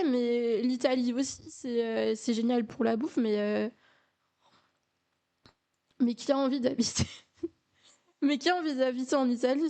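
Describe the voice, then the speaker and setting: A woman's voice: fairly high pitch, mellow. A young woman from France telling a casual storytime, chatty, with many fillers and repeated words.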